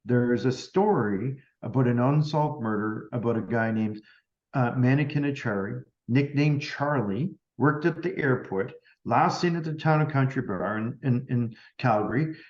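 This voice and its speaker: A man's voice: mid-range voice, normal speed, darkish tone. A man who is a medium, guesting on a podcast, recounting an experience in casual chat and acting out both sides of each conversation, with plenty of "like" fillers. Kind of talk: storytelling in a casual interview. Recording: roomy and slightly dull sound.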